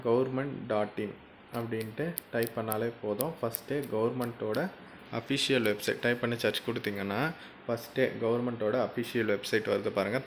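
A man with a medium-pitched voice and a little hiss or hum on the recording hosts a casual screen-recorded tutorial for his channel. He's chatty, walks through each step, and keeps checking in with the viewer by asking "okay?"

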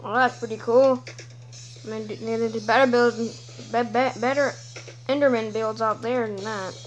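A woman's voice: a little high, fairly even intonation, normal speed, soft background music, poor audio. A young woman streaming a video game, chatting casually and rambling, stumbling over her words and laughing often. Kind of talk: casual chat over gameplay.

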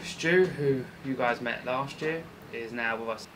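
A man's voice: medium pitch, unhurried, background noise. Joking man on a boat. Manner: jokey, laughs easily. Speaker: sailing vlogger. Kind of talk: casual chat. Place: outdoors on a sailing catamaran at sea.

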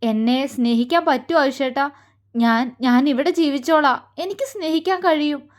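A woman's voice: high voice, fairly quick, lightly acted. A woman voicing a young wife who pleads with a choked voice and snaps back scornfully. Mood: tearful. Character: young wife, tearful turning fiery.

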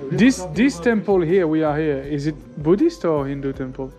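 A French man in his thirties vlogs his travels outdoors, filming himself with an action camera held at arm's length as he moves through a temple courtyard and streets. His fairly high, mellow voice is animated and moderately paced, with faint music behind. He chats enthusiastically and laughs often.

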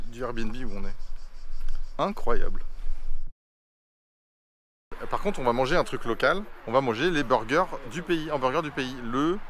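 A man's voice: mid-range voice, a bit bright, slight background noise. A man from France chatting casually to the camera in a travel vlog, amused and talkative. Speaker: vlogger on a road trip.

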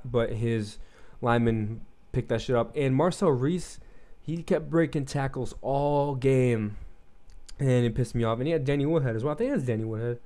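A man's voice: mid-range voice, warm tone. A young man rambling through casual gameplay commentary, loose and profane, filling gaps with likes and ums, his throat a little froggy. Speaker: gaming commentator.

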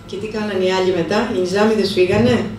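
A woman's voice: medium pitch, fairly even intonation, darkish tone. A woman presenting a book club, giving short prompts and questions to the reader. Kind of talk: guiding a discussion. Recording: distant roomy sound with clear noise.

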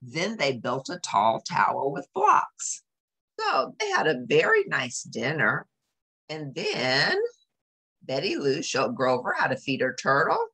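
A woman with a rumbling low, breathy voice reads a storybook aloud to young children at a slow pace. She is expressive and explanatory, tossing in casual comments and exclamations.

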